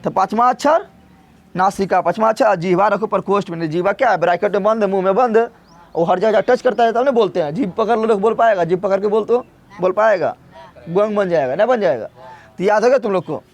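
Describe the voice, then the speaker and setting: A man's voice: high voice, brisk. A man teaching a grammar class, drilling syllables aloud and quizzing and scolding his students.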